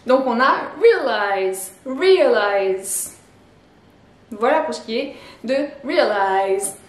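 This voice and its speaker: High-voiced woman teaching pronunciation. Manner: explains slowly, repeats words, laughs softly. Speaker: language teacher. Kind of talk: pronunciation lesson. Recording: roomy echo.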